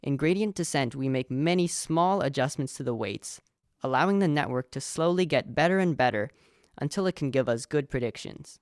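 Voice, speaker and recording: A young man from Canada giving a steady, scripted narration that explains code as a student presenter. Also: medium pitch, moderate pace, clean tone, no room sound, studio quality. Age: young adult.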